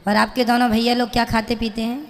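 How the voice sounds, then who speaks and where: A woman's voice: a little high, flat delivery, fast. A woman preacher lecturing a listener with pointed rhetorical questions, speaking plainly and morally. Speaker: spiritual preacher. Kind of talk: preaching to an audience member. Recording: long hall reverb.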